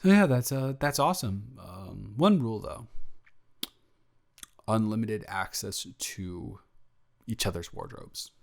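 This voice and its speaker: Heavily acted and very animated, a man with a lowish voice and vocal fry plays a smitten, playful young roommate in an improvised romantic audio roleplay. He sounds smitten and flustered, rambling in a halting, jokey way and correcting himself as he goes.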